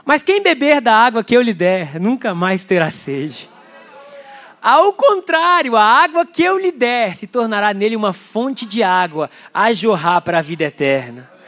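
A man voicing a gentle, loving Jesus, speaking softly and slowly in Brazilian Portuguese. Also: sits high, lively intonation, pitched below the performer's own voice. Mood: tender.

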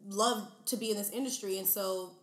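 A woman in her mid-twenties, a podcast guest talking in a chatty, animated way with many fillers. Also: medium pitch, fairly quick. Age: 20s. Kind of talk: casual interview chat. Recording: roomy echo.

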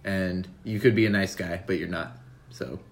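A man's voice: sits low, normal speed, creaky. A man co-hosting a soccer podcast in casual chat, blunt, swearing and laughing often. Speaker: podcast co-host.

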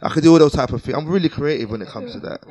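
A man's voice: fairly high pitch, racing, a little mellow, no room sound. A man giving casual advice as a podcast panelist.

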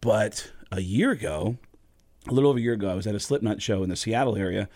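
A man, a comedian, casually telling a story, animated and quick to act out the other voices. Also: fairly low pitch, no room sound.

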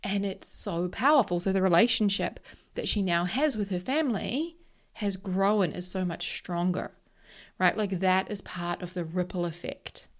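A woman's voice: lowish voice, normal speed. A woman with a broad New Zealand accent giving a casual motivational talk as a coach, telling personal stories in an emphatic, sweary, informal way and often checking in with the listener. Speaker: mindset coach and presenter.

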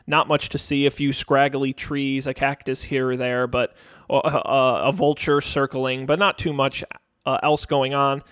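A man's voice: mid-range voice, flat delivery, a little slow, a bit bright, clear, resonant tone, dry recording, studio quality. A man narrating as game master of a tabletop role-playing game, loose and chatty, with many ums and restarts.

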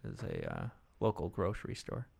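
Gravelly man in casual banter. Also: sits low, huge pitch swings, normal speed, darkish tone.

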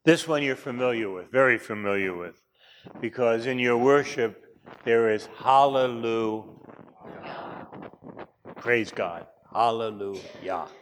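A man's voice: medium pitch, slow pace, long pauses, slight background noise. A man teaching a class, chatty, with wry asides and frequent fillers. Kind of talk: classroom lecture.

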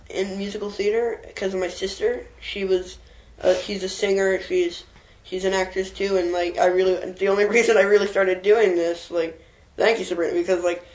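A man's voice: sits high, flat delivery, moderate pace. A young man, an actor in a web series, rambling eagerly with many fillers in an interview. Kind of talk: casual interview chat. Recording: echoey room.

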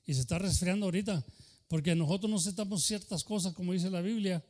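Man, pastor, fervent bilingual sermon, high voice. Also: quick pace, a little mellow. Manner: switches between Spanish and English mid-sentence; fervent preaching punctuated by "aleluya" and "hermano".

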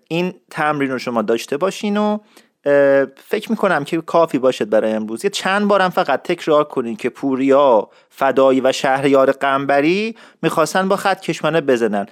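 A man hosts a jokey podcast with a mock-serious lecturing manner, speaking at an ordinary mid pitch. His voice is recorded close and dry, with no room sound around it. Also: expressive, no room sound. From Isfahan, Iran. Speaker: podcast host. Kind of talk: humorous podcast monologue.

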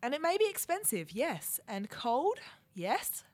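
A young Australian woman co-hosting radio in casual chat, her voice croaky and hoarse from a head cold, chatty and self-deprecating. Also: high voice, very animated, measured pace, a little mellow. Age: young adult. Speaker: radio co-host.

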